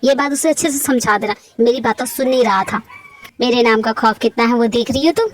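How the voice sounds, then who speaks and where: Woman playing a menacing mafia boss, lowered voice, commanding and cold, fan dub. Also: a little fast, a little hiss or hum, lightly acted. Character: cold threatening male mafia king. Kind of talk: Hindi fan-dub voice acting.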